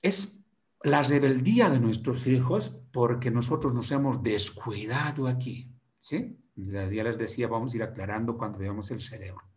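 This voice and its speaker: A man giving a pastoral talk on family life, asking rhetorical questions and tagging sentences with a quick question. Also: medium pitch, lively intonation, a little mellow. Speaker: family ministry speaker.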